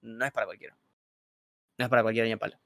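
A young man with a Rioplatense Argentine accent, talking in slangy, animated bursts on a livestream chat. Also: medium pitch, racing, creaky, dry recording. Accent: Rioplatense Spanish. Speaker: streamer guest. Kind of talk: casual chat on a stream.

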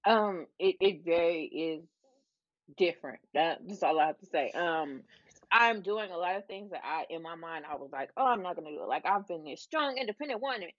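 A woman's voice: on the low side, animated, normal speed, dry recording. Woman guest, frank and profane, laughs often; dry, muffled recording. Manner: candid, laughing, swears freely. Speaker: guest, adult toy shop owner. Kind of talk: casual podcast chat.

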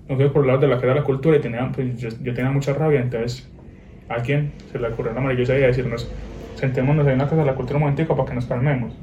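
Young man, animated slangy storyteller, mellow tone, faint hiss. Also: very fast, roomy sound, dull audio. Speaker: guest. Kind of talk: casual chat. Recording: noisy low-quality recording.

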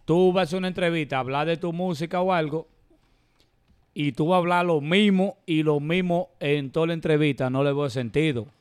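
Smooth, high-voiced man bantering. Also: fairly quick, dry recording, clean studio sound. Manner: animated, repeats himself, cuts in. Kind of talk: casual chat.

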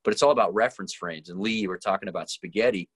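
A man with a low voice talks quickly and in loose, rambling stretches as a podcast co-host. His voice sounds close and dry, with no room echo. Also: breathy edge. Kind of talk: casual chat.

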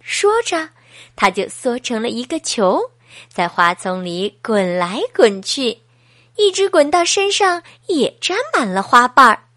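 Slow, sing-song woman storyteller. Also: on the high side, animated, bright, forceful tone, dry recording, studio quality. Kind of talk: bedtime story reading for a child.

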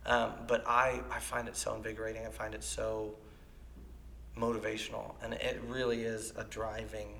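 A man talking as a podcast guest in an animated casual chat, his voice dropping at times to near whispers. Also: lowish voice, normal speed, creaky, a little hiss or hum.

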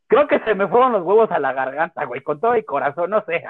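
A young Mexican man casually telling a personal story, animated and full of slang and swearing. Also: sits high, no echo. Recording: tinny phone-like audio.

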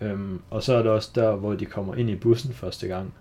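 A man calmly discussing a film in casual conversation, measured and low-key. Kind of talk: casual podcast chat about a film.

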